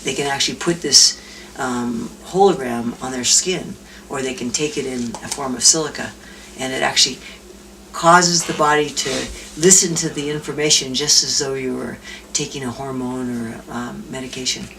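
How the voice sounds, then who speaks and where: An older woman with a low, cheerful voice tells family stories and jokes at a reunion, laughing easily between lines. She sits some way from the mic, and a faint hum of noise runs underneath. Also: normal speed, sharp tone, distant mic. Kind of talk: casual storytelling with jokes.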